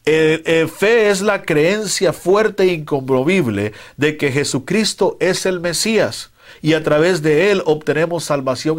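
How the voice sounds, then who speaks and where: A man preaching a sermon in a fervent, emphatic way, with some hesitant fillers between his points. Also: on the high side. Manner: fervent, rising to loud emphatic retellings.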